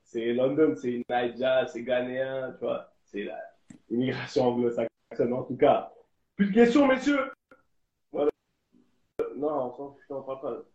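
A man's voice: medium pitch, normal speed, roomy sound, lo-fi sound. A man co-hosting a casual chat, bantering loosely with slang. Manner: relaxed banter, slang, drops into English. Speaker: co-host.

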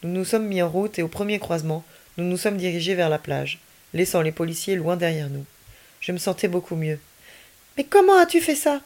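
A woman storyteller reading a children's story aloud in an expressive, lively way. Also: on the low side, brisk.

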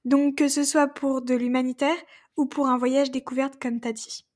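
High-voiced woman host asking a question. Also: level tone, normal speed, a little mellow. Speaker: podcast host. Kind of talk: interview question.

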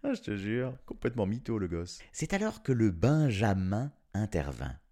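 A man's voice: lowish voice, very animated, moderate pace, mellow. A man telling a fairy tale casually, with playful slangy asides and chuckles. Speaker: storyteller. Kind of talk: casual storytelling.

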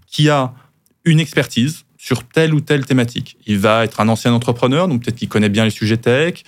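A man's voice: medium pitch, brisk. A man who is a lawyer, guest on a podcast, explaining things at length with frequent restarts.

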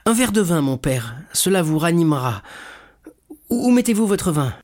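A man reading an audiobook, voicing an eager, warm-hearted young sailor in his twenties who speaks urgently and pleadingly. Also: fairly high pitch, sing-song, normal speed, pitched above the performer's own voice. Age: 20s. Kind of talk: audiobook character voice.

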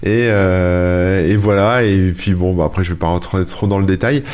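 Deep-voiced man rambling through a film review. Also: fairly even intonation, moderate pace, a little mellow, clean tone. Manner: rambling, hesitant, frequent "euh" and "hein". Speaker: podcast co-host. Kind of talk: casual chat, reviewing a film.

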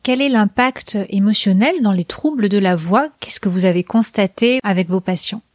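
A woman hosting a podcast, introducing the episode and asking questions with clear, welcoming presenter delivery. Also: mid-range voice, normal speed, a little mellow. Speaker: podcast host. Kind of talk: scripted intro and interview questions.

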